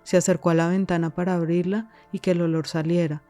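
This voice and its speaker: Low, mellow female narrator. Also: flat delivery, fast talker, faint music behind. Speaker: podcast narrator. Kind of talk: scripted narration.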